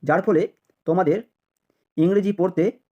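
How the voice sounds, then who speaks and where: ধীরে ধীরে বানান করে পড়ানো শিক্ষিকা. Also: female voice, lowish voice, dark tone, muffled recording. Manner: slow, repeats each word several times, spells words letter by letter. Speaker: teacher. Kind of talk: spelling and pronunciation lesson.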